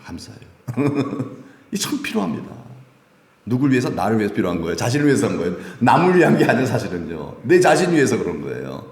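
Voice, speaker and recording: A man's voice: medium pitch, sing-song, fast. A man preaching a sermon as pastor in a church, asking the congregation questions and acting out God's words. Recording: echoey church hall.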